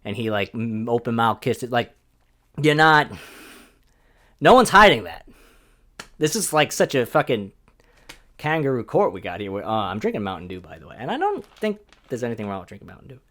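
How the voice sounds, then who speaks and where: A man's voice: mid-range voice, big pitch swings, fairly quick, pauses often. A young man hosting a solo comedy podcast, rambling and sardonic, swearing freely. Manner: sardonic, rambling, profane, jumps between loud mock voices and mumbles. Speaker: podcast host.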